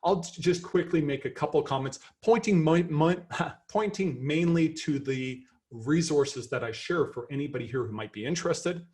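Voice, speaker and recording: A middle-aged Canadian professor with a Canadian accent gives a lively, chatty seminar lecture, enthusiastic and self-deprecating. His voice sits on the high side, and he speaks at normal speed.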